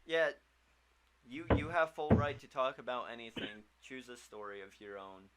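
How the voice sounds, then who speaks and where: A man's voice: medium pitch, expressive, moderate pace, a bit bright, clean tone. An easygoing man co-hosting a casual chat with friends. He keeps the conversation moving, inviting others to talk and riffing along with them. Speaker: podcast co-host.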